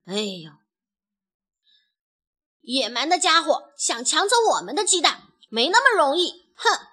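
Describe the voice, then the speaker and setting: A woman voicing a brave, hot-headed young rooster in a children's story, loud and defiant. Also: high-pitched, very animated, moderate pace, pitched above the performer's own voice. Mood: indignant.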